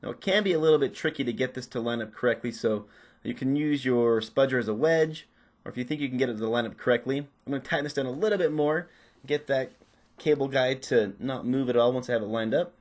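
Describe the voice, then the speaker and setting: A man with a medium-pitched, slightly mellow voice talks fast as he works through a hands-on repair tutorial. It's unscripted, casual step-by-step instruction narrated as he goes.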